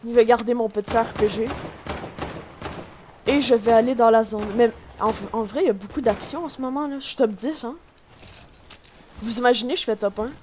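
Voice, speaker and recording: Woman with a Quebec French accent, fairly high voice, gameplay commentary, excitable, noisy recording. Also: moderate pace, long pauses. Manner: chatty, excitable, talks to viewers. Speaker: gaming YouTuber.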